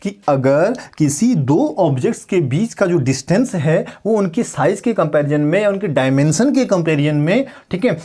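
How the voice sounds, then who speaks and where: A man's voice: on the high side, expressive, dark tone, husky. A male physics teacher giving a Hindi-English lecture, asking himself questions and answering them, checking in with the students again and again. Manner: repeats check-ins like "ठीक है" and "समझ में आया"; slows down sharply for English sentences.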